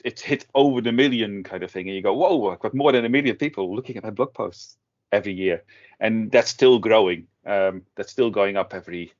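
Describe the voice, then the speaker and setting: Hesitant Dutch-born man, lowish voice. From Netherlands. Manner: hesitant, many restarts and fillers. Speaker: guest, tech blogger. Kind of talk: casual interview talk. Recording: dull lo-fi audio.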